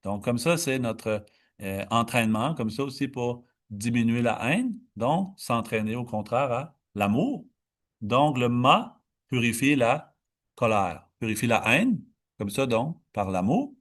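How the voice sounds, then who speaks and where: A man teaching meditation in a dharma talk, explaining slowly, stretching key words and often restarting. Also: medium pitch, lively intonation, a bit bright.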